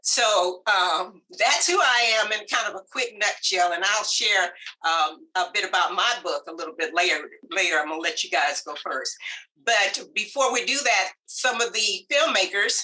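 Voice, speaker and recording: A woman's voice: medium pitch, normal speed, pushed and bright, low-quality recording. A woman hosting a casual video call, chatty, upbeat and welcoming. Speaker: host.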